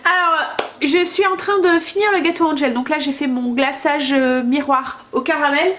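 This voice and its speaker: A high-pitched, fairly bright voice at normal speed belongs to a family vlogger in her thirties with a stuffy nose from a cold. She chats hesitantly, with many fillers, while cooking in her home kitchen for a casual vlog. A little hiss or hum is audible.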